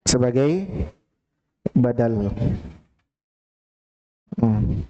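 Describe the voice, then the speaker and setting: A man's voice: medium pitch, steady tone, very slow, dark tone. A man, teaching Arabic grammar in a mosque study hall, quizzing students one by one by name and teasing them.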